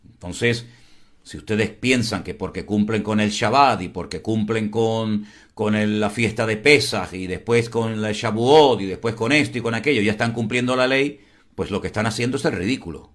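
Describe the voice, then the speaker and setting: Blunt pastor preaching. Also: male voice, on the low side, normal speed. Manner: blunt, emphatic, repeats phrases. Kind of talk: preaching commentary.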